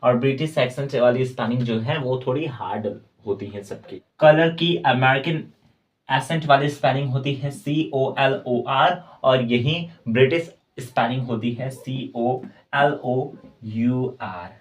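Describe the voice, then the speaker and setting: A man giving a spoken tutorial as an English teacher, slowly spelling out words letter by letter and repeating his points. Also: mid-range voice.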